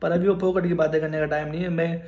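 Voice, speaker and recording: A man's voice: on the high side, flat delivery, fast, a little mellow, roomy sound. A man in his twenties giving casual, earnest advice on studying for a nursing exam, repeating points and calling listeners brother. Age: 20s. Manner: earnest, repetitive, addresses viewers as brother. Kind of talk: casual advice talk to camera.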